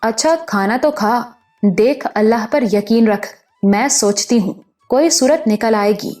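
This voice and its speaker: Female narrator doing older motherly village woman, scolding but loving, mellow tone, soft music behind. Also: fairly high pitch, lightly acted. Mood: tender. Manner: scolding yet affectionate, rustic speech. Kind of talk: audiobook character voice.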